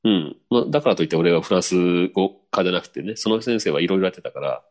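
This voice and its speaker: A man with a very deep voice hosts a podcast in a relaxed, chatty way. He reads out listener mail and keeps the talk going with quick, animated speech and easy laughter. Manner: relaxed, chatty, frequent laughter and back-channel "un". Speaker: podcast host reading listener messages. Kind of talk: casual chat.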